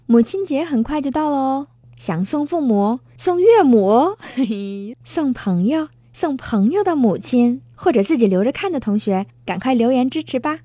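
Laughing often, a female language lesson host chats her way playfully through a bilingual English lesson. Her high-sitting voice is animated and warm, delivered at normal speed in a dry recording.

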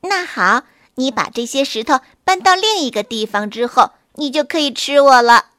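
Woman doing a plucky little gray bunny, high voice, quick and sure of itself. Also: lively intonation, bright, forceful tone, no echo, studio quality. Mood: brisk. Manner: brisk, cheerful, confident. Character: small brave clever gray rabbit.

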